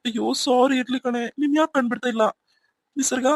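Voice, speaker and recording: A woman's voice: sits high, steady tone, fast talker, dry recording, rough recording. Siddharth, a woman doing a pleading young husband. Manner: pleading, urgent. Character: young husband, anxious and tender. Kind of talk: cartoon voice acting.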